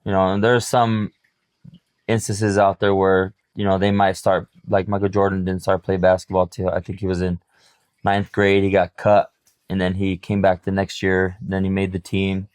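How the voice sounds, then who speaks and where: A man's voice: deep voice, monotone, moderate pace, darkish tone, clear, resonant tone, no echo, clean studio sound. A middle-aged man co-hosting a podcast, talking reflectively and motivationally in casual chat. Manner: reflective, motivational, uses sports examples. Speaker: podcast co-host.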